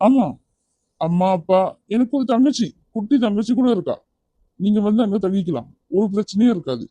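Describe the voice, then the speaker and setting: A performer voicing a kind, persistent young man in a cartoon, firm yet gentle as he coaxes someone to come along. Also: mid-range voice, expressive, brisk, no room sound, highs cut off, natural voice. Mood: gentle coaxing. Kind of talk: cartoon voice acting.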